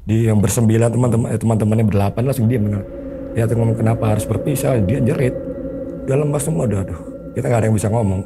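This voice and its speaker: A man's voice: lowish voice, very fast, heavy background noise. A man telling a story as an interview guest, earnestly acting out the remembered dialogue. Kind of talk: conversational storytelling.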